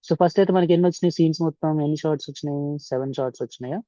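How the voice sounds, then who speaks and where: In a muffled recording with no room sound, a man with a Telugu accent gives a rapid-fire, informal voice-over for a software screen recording, made indoors. His fairly high voice has a dark tone, and he moves step by step, repeating instructions and switching between Telugu and English mid-sentence.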